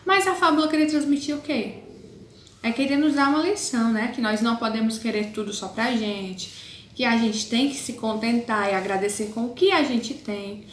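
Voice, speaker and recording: A woman teacher with a Brazilian Portuguese accent, patiently explaining a lesson to young pupils in a recorded online class. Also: a little high. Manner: patient, explains slowly, calls pupils "my loves". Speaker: primary school teacher. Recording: echoey room, faint background noise.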